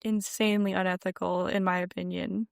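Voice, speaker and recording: A woman's voice: fairly low pitch, fairly quick, creaky, smooth, dry recording. Chatty young woman, dry close sound. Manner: chatty, many "like" fillers, animated emphasis. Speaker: podcast guest, sewing content creator. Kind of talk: casual interview chat. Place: home room with yarn shelves.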